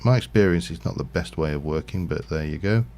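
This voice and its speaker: A man's voice: a bass voice, brisk, a little mellow. A man casually commentating his Minecraft livestream, rambling and thinking aloud with lots of fillers. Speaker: streamer.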